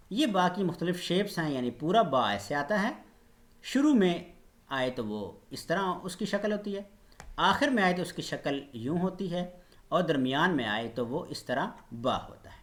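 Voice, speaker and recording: A man's voice: on the high side, big pitch swings, normal speed. A man teaching an online Quran recitation lesson, patiently demonstrating each letter's sound.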